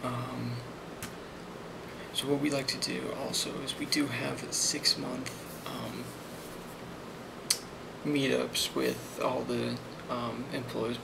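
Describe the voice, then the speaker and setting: In an ASMR role play, a man acts as a company boss delivering a performance review. His medium-pitched voice stays soft and often drops toward a whisper, and he improvises haltingly with lots of ums. Background noise is clearly audible.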